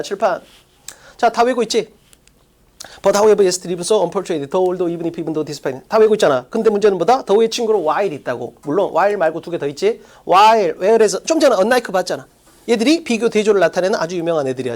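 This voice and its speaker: Speaking at a medium pitch, this English exam-prep teacher runs an online lecture in an easygoing classroom manner, firing off quick rhetorical questions to coach students.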